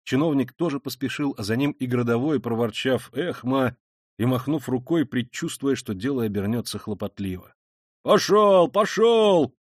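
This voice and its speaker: A man narrating an audiobook of a classic novel in a measured storytelling manner. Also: mid-range voice, a little mellow, no echo, clean studio sound.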